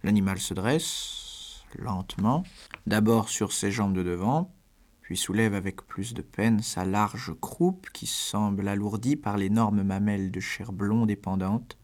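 A man reading a classic story aloud in a measured way, with long pauses between phrases. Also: on the low side, a little mellow. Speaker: narrator.

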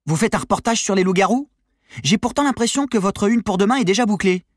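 A man's voice: sits high, fast, no room sound, studio quality, pitched above the performer's own voice. A man reading an audiobook, voicing a nervous but witty teenage boy who protests a lot. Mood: edgy.

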